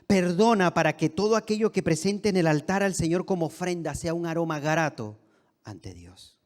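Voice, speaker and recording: A man serving as co-pastor, preaching a sermon in a church with emphatic delivery that moves between soft and raised passages. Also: on the high side, animated, normal speed. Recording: reverberant church hall.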